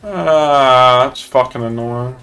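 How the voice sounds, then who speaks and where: A young adult man streams a game while playing a police officer in online roleplay, chatting bluntly and casually with plenty of swearing. His mid-range voice is clear, resonant and a little bright, and he takes things slowly.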